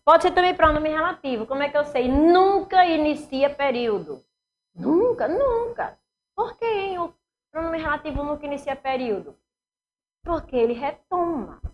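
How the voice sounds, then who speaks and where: A woman's voice: high voice, lively intonation, normal speed. A woman with a Northeastern Brazilian accent teaching a grammar lesson for exam preparation, asking the class questions and answering them herself.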